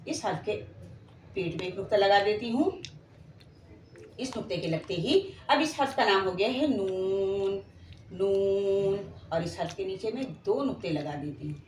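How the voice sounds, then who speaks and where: With a Pakistani Urdu accent, a woman patiently teaches beginners to read Quranic letters, stretching out each letter name so her students can repeat it in this slow, spelled-out lesson. Her medium-pitched voice is expressive, unhurried and darkish, carrying a slight hiss or hum. The room is echoey, with faint ambience.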